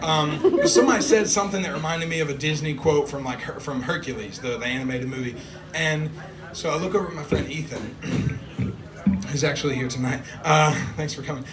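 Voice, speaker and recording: Self-mocking comic, loud crowd. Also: male voice, fairly high pitch, a little fast. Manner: self-deprecating, animated, acts out voices. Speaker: stand-up comedian. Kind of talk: stand-up set. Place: small club stage. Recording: distant mic, loud crowd laughter.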